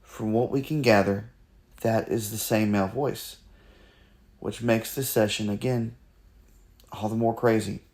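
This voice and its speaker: Slow-paced man narrating a paranormal investigation. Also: lowish voice, steady tone, a little mellow. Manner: deliberate, halting phrasing with pauses. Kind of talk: spirit box session commentary, narrating to viewers.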